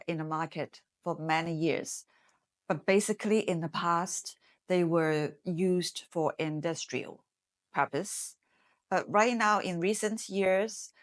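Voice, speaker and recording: A middle-aged woman from Hong Kong, a marketing executive giving measured, explanatory interview answers. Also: on the low side. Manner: measured, explanatory, with some fillers.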